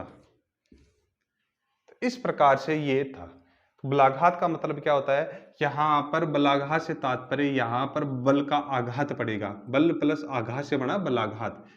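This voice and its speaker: A man's voice: medium pitch, fairly bright tone, muffled recording. Man teaching grammar step by step. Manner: asks the class rhetorical questions then answers; spells words out slowly, part by part. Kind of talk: online grammar lesson.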